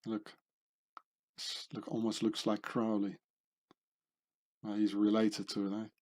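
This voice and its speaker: A man talks unhurriedly through a set of pictures as a channel host. His voice is dark and mellow, and his speech meanders, full of fillers, restarts and tag questions. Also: lowish voice, completely flat delivery, unhurried. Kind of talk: rambling monologue over pictures.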